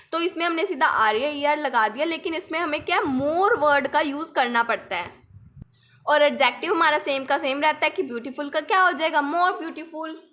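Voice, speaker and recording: Explaining English grammar in Hindi with English examples, a young woman goes over points patiently and repeatedly while asking the viewer rhetorical questions. She has a fairly bright voice that sits high.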